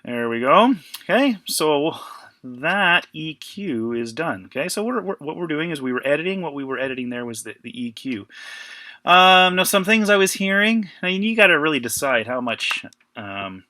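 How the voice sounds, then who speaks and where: A man teaching an informal audio editing lesson, thinking aloud in a relaxed way. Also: fairly high pitch, normal speed, dry recording. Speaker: music teacher. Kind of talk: casual screen-recorded audio editing tutorial.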